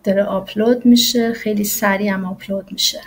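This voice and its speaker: A woman English teacher walking through a software tutorial in a casual, explanatory way, often pausing on "uh". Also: medium pitch, fairly even intonation, husky. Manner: casual and explanatory, with frequent "uh" fillers. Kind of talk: screen-recorded software tutorial.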